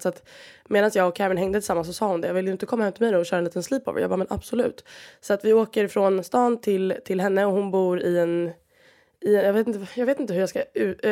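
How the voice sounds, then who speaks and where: A woman's voice: medium pitch, a little mellow. A young woman in her twenties from Sweden hosting a casual solo podcast, frank and exasperated, swearing often and restarting her sentences. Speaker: podcast host.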